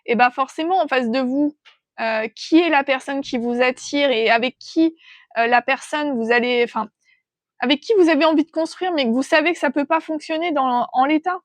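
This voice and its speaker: Gentle, hesitant tarot-reading woman. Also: high-pitched, dry recording. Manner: hesitant, gentle, pauses to sense the cards. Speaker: tarot reader. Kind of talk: intuitive tarot reading, thinking aloud.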